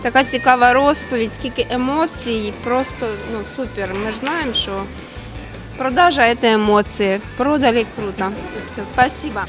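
A woman's voice: fairly high pitch, normal speed, music in the background. A woman giving effusive, grateful feedback after a cooking class. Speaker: master class participant. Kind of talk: casual spoken feedback.

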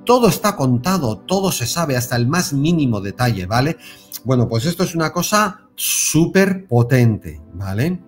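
A man with a Spain Spanish accent gives a spiritual self-help talk to camera, lively and repetitive, often checking in with his listeners. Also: mid-range voice, moderate pace, breathy edge, faint music behind. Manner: animated, repeats words and stresses with tag questions. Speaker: self-help video host.

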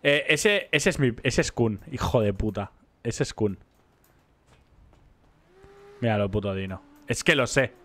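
A man's voice: medium pitch, animated, measured pace, long pauses, a bit bright. A young man with an accent from Spain, rambling and joking with viewers in casual gameplay commentary. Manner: rambling, self-mocking, chatty with viewers. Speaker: roleplay streamer.

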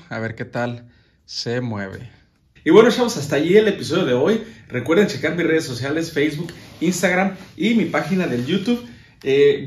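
A man with a Mexican Spanish accent talks in a mid-range voice through a casual show-and-tell of sound gear. His delivery is relaxed and chatty. He stops and restarts his phrases often as he handles the equipment. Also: medium pitch.

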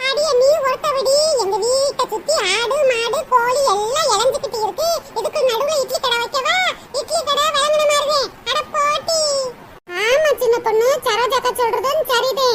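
A woman's voice: extremely high pitch, moderate pace, background noise. A woman voicing gossiping older village women in a cartoon, speaking in a chattering, consoling way. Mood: scoffing. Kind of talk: cartoon comedy voice acting.

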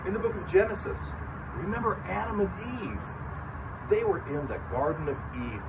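An older man with grandchildren leading a lively children's sermon outdoors, talking straight to the kids as he tells a story. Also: high-pitched, a little fast. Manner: animated storytelling, talks to children. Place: outdoor covered chapel area. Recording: distant mic with traffic noise outdoors.

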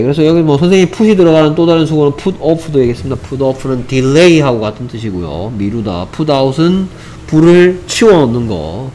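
A man's voice: medium pitch, dark tone, a little hiss or hum. A man teaching an English vocabulary lesson. He explains step by step, repeats each phrase, and mixes English examples into his explanations, speaking English with a Korean accent.

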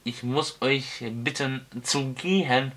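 A small, fussy homeowner, as a male reader gives him voice, stiffly polite and flustered. He speaks slowly in a bright, sharp tone, in an audiobook. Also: medium pitch. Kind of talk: audiobook character voice.

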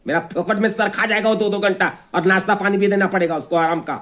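A man with a Bundeli accent playing a hot-tempered village father who shouts and scolds his son in a comedy sketch. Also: sits high, steady tone, quick pace. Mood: scolding.

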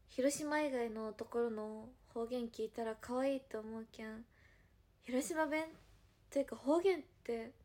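A woman's voice: fairly high pitch, darkish tone. A young woman from Hiroshima, speaking with a Hiroshima dialect, chatting casually and giggling as an idol on a livestream, answering viewer comments. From Hiroshima, Japan. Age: young adult. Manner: chatty, giggly, drawn-out musing.

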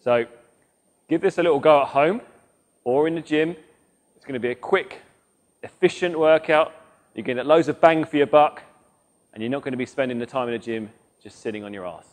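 This fitness coach, a man in his thirties, talks through exercises while demonstrating them in a large indoor gym, picked up on a lapel mic. His voice is medium-pitched and fairly quick, with frequent pauses, and his delivery is instructive.

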